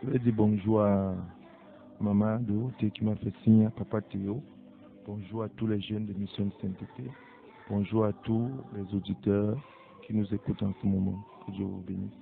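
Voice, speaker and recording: Gravelly pastor guy on radio, flat delivery, phone-like thin sound. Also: on the low side, soft background music. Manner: measured, blessing listeners. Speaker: guest pastor. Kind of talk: radio show chat. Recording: tinny lo-fi radio broadcast.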